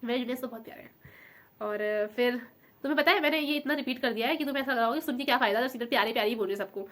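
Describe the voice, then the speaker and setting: A woman's voice: a little high, very fast, a bit bright. A young woman vlogging in casual chat, emotional and affectionate, rambling as she talks. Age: young adult.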